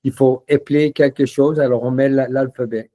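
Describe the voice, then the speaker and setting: Relaxed man with a mellow voice. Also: medium pitch, normal speed. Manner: relaxed, repeats words, many fillers. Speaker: language trainer demonstrating a learning platform. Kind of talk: casual software walkthrough.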